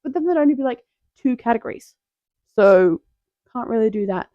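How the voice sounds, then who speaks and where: Young woman, casual rambling commentary, higher voice, dry dull-sounding mic. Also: expressive, a little fast, no room sound. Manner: playful, self-interrupting, jokey. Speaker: tier list video host.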